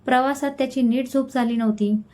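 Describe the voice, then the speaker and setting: A woman storyteller narrating a scripted story, reading steadily and clearly. Her voice sits fairly high, with an even pace. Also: a little fast.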